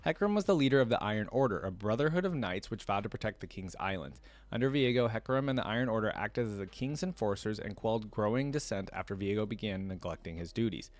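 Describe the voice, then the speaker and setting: This reaction video host has a fairly low voice and lively intonation, reading lore quickly with few pauses. He casually breaks in with his own reactions between passages, recorded close to the mic with no room sound.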